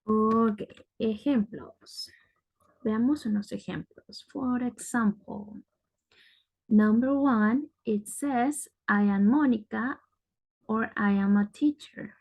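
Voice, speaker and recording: A woman's voice: on the high side, drawn-out words, vocal fry, a little mellow. A woman teaching a grammar lesson, patient and methodical, often checking in with the class. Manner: patient, repeats "ok" to check understanding. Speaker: English teacher.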